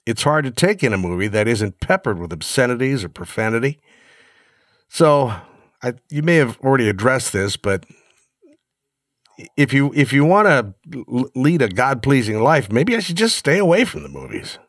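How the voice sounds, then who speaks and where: A male host asks prepared questions in an even, measured way. His voice sits in the middle range and sounds dry and close. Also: mid-range voice, no room sound. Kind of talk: radio interview questions.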